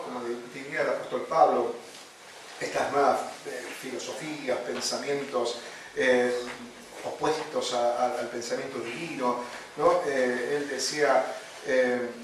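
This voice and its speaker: A mid-range male voice carries a Rioplatense Spanish accent as this pastor leads a chaplaincy course. He preaches in a relaxed, conversational way, regularly tagging lines with "¿no?" and using fillers. Recorded from far off in an echoey room, there's faint noise in the background.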